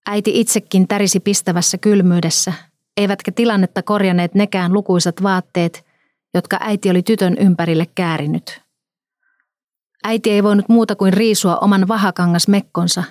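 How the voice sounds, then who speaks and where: A woman narrating a story in a calm, measured reading. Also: medium pitch, no echo, studio quality.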